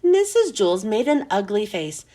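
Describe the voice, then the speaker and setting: A woman reading a children's chapter book aloud with expressive, animated storytelling. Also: medium pitch, moderate pace.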